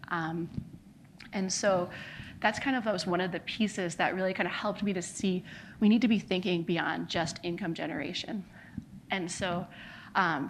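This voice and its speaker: Her voice sits on the low side as the American woman, a charity founder, delivers a conference talk at a venue, sounding earnest. Fillers like "like" and "kind of" crop up frequently, and faint background noise can be heard.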